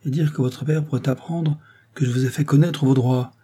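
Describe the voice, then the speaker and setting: A man's voice: medium pitch, steady tone, a little fast, warm tone, breathy edge, voice pushed up, lightly acted. A man voicing a sly, scheming middle-aged man who feigns humble servility, talking in a fawning, wheedling way.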